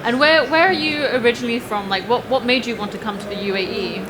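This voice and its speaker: A woman's voice: fairly high pitch, fast, crowd noise, poor audio. A young adult woman hosting a fireside interview, upbeat and gushing, with fillers. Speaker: interview host. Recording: clear background noise.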